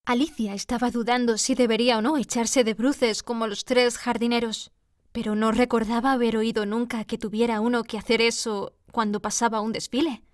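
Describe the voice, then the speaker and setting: A woman narrating a classic storybook with a steady, measured reading. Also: on the high side, dry recording, studio quality. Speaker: audiobook reader.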